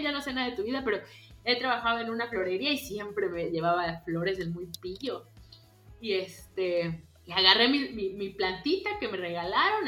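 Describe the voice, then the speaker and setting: A young Mexican woman telling a story in a casual chat, animated and rambling, with lots of fillers and laughs. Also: on the high side, reverberant.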